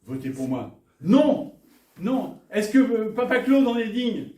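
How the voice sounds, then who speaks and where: Preacher, man, high voice, heard from far off in a reverberant church hall; lively, rhetorical delivery. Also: slow. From northern France. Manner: lively, rhetorical questions, jokes with the congregation. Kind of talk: sermon. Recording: echoey church hall, from afar.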